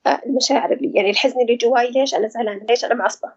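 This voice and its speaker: A woman, speaking as an interview guest about her own experience, pausing often to search for words. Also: on the high side, steady tone, darkish tone, slightly rough, lo-fi sound. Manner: hesitant, searching for words, reflective. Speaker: guest sharing personal experience. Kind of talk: casual conversational interview.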